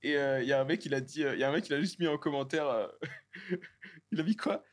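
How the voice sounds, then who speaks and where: A man's voice: fairly high pitch, fast. A man who is a stand-up comedian, a guest on a podcast, telling rambling anecdotes and laughing as he goes. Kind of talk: casual banter.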